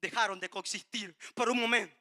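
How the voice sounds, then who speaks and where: A man's voice: high voice, steady tone, a little fast, sharp tone. A man preaching a sermon with passion, repeating phrases and building to cries. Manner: impassioned, repetitive preaching with rising cries.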